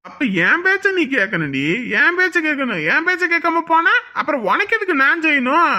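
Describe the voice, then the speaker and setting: A harsh, bitter husband snaps orders and mutters threats of revenge. His voice is high and piercingly sharp, and it stays cold and bossy throughout. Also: very animated, brisk, full character voice. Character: bitter, angry husband, vengeful.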